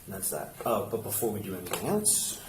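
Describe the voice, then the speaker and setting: A man with a fairly low voice gives casual, hands-on instruction as a police officer. He goes step by step and checks in often. The recording is roomy and distant, with clear background noise. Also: very animated, quick pace. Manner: explains step by step, checking with "right?". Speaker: police officer training a colleague. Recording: roomy, noisy, distant body camera pickup.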